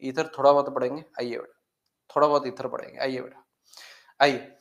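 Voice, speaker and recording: A male teacher in a live class, joking with students and repeating key terms slowly. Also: medium pitch, little pitch movement, roomy sound. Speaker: chemistry teacher.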